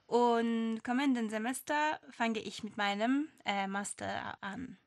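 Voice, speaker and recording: A woman's voice: on the high side, steady tone, slow pace. A woman in her twenties from Turkey, a non-native speaker, answering interview questions hesitantly with many fillers. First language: Turkish. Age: 20s. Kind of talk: casual interview.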